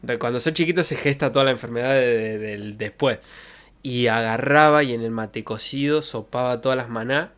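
This young man talks fairly fast in a mid-range, fairly bright voice, reminiscing on stream with casual, joking, colloquial storytelling. His accent is Santa Fe Argentine. A desk mic with a pop filter sits close to him in his bedroom streaming space.

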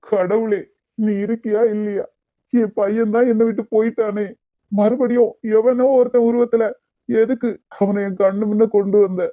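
A woman's voice: medium pitch, steady tone, normal speed, narrow, tinny audio, close to an everyday voice. A woman doing a heartbroken old grandfather. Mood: grieving. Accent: Kanyakumari Tamil. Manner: sorrowful, reproachful. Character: grieving old grandfather, broken and pleading. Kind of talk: cartoon voice acting.

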